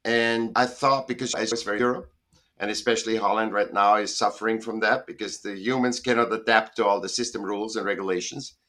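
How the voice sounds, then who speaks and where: A lowish, fairly even voice with a bit of brightness moves fairly quickly as this middle-aged man talks. The Austrian guest artist, on a video call from his Southern California home, gives a casual interview in a rambling, emphatic way, repeatedly correcting himself.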